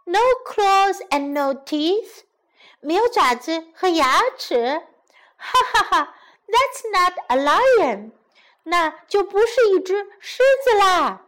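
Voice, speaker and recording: A woman voicing a clever, wary young village girl in a storybook tale, with a high, bright voice. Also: slow pace. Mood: scornful.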